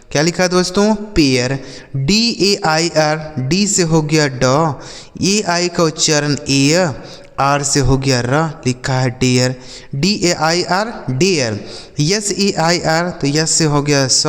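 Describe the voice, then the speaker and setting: Slow, spelling-out male phonics teacher. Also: a little high. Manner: spells out letters slowly, then sounds out each word; keeps asking the viewer questions. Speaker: English teacher. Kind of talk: phonics lesson. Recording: long hall reverb.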